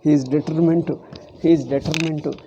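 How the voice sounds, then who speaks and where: A man's voice: a little high, steady tone, a little fast, dark tone, dull audio, a little hiss or hum. A man with a South Indian accent giving an informal spiritual lecture as a Vedanta teacher, emphatic and given to rhetorical questions and repetition.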